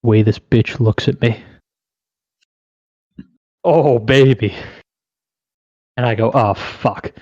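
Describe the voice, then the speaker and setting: A young man co-hosting a podcast, telling a story in an animated, profane way. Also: medium pitch, slow, pauses often, dry recording, dull audio. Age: young adult. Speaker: podcast co-host.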